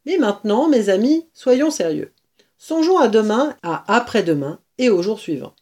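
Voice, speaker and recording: A woman's voice: fairly high pitch, very animated, husky. A woman reading a storybook aloud, voicing a jolly, boastful male fox who rallies his family and sings little songs. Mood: jovial. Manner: shouting cheerfully, sings slow little songs.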